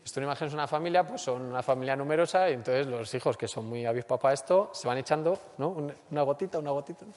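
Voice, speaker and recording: A man with a Spain Spanish accent giving a lecture and acting out everyday complaints in a lively way. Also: mid-range voice, very fast. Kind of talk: lecture on character education. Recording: long hall reverb.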